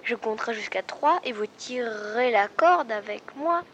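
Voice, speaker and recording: A woman voicing a big friendly male elephant in a calm, plain voice. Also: on the high side, moderate pace, muffled recording, a little hiss or hum. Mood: explaining.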